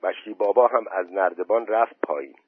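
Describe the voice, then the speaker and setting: A man with a husky voice reading a story aloud in a plain, steady storytelling manner. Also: on the low side, no echo. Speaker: narrator. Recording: dry tinny phone-like voice message.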